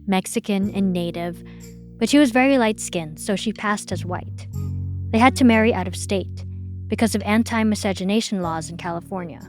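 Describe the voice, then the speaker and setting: A woman hosting a podcast, reading a scripted documentary narration in a measured, explanatory way. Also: medium pitch, darkish tone, soft background music. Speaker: podcast host.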